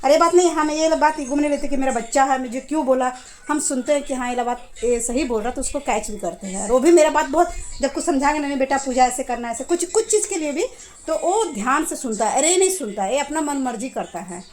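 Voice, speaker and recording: A woman's voice: high-pitched, lively intonation, brisk, darkish tone. A middle-aged woman chatting casually to her viewers in a home vlog, telling family stories while doing chores in her kitchen. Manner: chatty, addresses viewers as guys. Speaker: vlogger.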